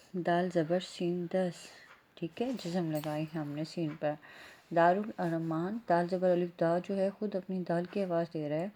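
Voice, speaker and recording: A woman schoolteacher with a Pakistani Urdu accent, calmly going through exercise answers and spelling out vowel marks letter by letter. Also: fairly low pitch, slight background noise. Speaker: school teacher. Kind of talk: classroom lesson, answering exercise questions.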